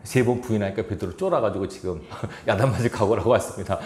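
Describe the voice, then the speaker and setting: A man's voice: on the low side, fast, darkish tone, reverberant. A man pastor preaching a sermon in a church, chuckling now and then and acting out quoted lines. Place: church sanctuary.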